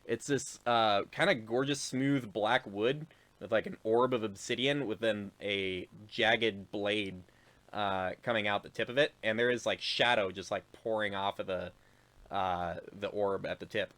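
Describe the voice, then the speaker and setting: A man's voice: fairly low pitch, measured pace, fairly bright tone. A man narrating as game master of a tabletop game, rambling with fillers and frequent chuckles.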